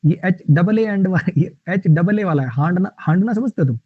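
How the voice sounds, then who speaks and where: A man teaching English vocabulary in a live online class. He explains words with playful mnemonics and reads the English example sentences slowly. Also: high-pitched, expressive, breathy edge, dry recording. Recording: tinny, phone-like line.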